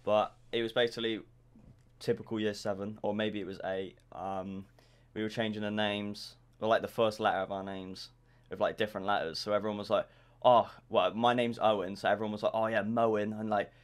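A man's voice: fairly low pitch, level tone, brisk, clean tone. A teenage man, co-hosting a podcast in joking, chatty casual talk. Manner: joking, chatty, drifts off with fillers. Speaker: podcast co-host. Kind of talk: casual chat.

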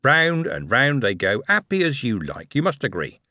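A man's voice: medium pitch, wildly swooping pitch, normal speed, pushed and bright, dry recording, voice pushed up, exaggerated voice. A man voicing a jovial, shrewd older male tycoon who talks in coarse, chummy street slang. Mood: persuasive.

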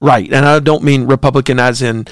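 A man's voice: mid-range voice, steady tone, a little fast, clean tone, dry recording, studio quality. Earnest man co-hosting a talk show. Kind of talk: casual political commentary.

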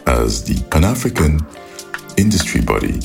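A man's voice: extremely low pitch, very animated, normal speed, vocal fry, over music. A man reading a scripted sponsor message. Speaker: sponsor announcer.

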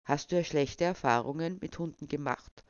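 A reader voicing a gentle, friendly young woman. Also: sits low, moderate pace, no room sound, natural voice. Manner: gentle, encouraging. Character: friendly, calm young woman dog owner. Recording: dull, dry recording.

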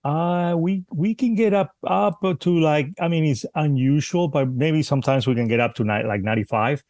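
A man's voice: fairly high pitch, normal speed, a little mellow, dry recording. A man born in Cuba and raised in Spain, a guest bonsai artist talking casually with many restarts. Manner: hesitant, many restarts, laughs easily. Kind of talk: casual interview chat.

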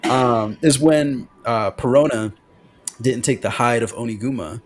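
A man co-hosting a podcast in casual chat, excitable and quick to swear as he talks. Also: mid-range voice. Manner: animated, excitable, swears freely. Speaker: podcast co-host.

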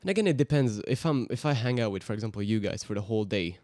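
Podcast guest, teen male, native Hungarian, low voice, dry sound, easygoing storyteller. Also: quick pace, no echo. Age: teens. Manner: relaxed, rambling storytelling with fillers. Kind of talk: casual podcast chat.

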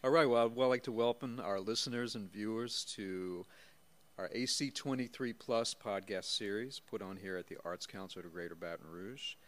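Man, podcast host, low voice, relaxed, friendly, short affirmations. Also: normal speed. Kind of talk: casual interview. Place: small recording studio. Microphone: studio microphone.

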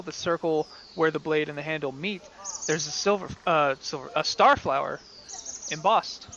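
A male game master with a bright, fairly high voice narrates a tabletop adventure in a loose, descriptive way, full of hedging fillers. The recording is a little dull and lo-fi, with faint noise behind him. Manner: relaxed, descriptive, many fillers and hedges.

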